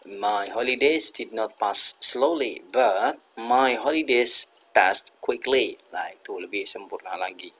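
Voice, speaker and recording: A man with an Indonesian accent gives an English grammar lesson. He talks slowly and deliberately, with a bright, forceful tone. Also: on the low side, lively intonation, creaky, a little hiss or hum. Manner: slow, deliberate, switches between two languages. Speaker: English teacher.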